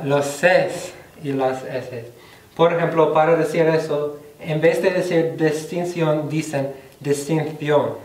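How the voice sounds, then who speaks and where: A young American student gives a class presentation on Spanish slang, speaking slowly and carefully like a learner, with pauses. His voice is fairly high with a darkish tone, picked up off the mic from a distance in a roomy, echoing space.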